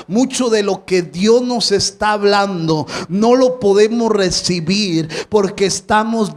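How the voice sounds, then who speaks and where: A pastor, preaching a sermon with emphatic rhetorical questions to the congregation and a few English words dropped in. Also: male voice, high-pitched.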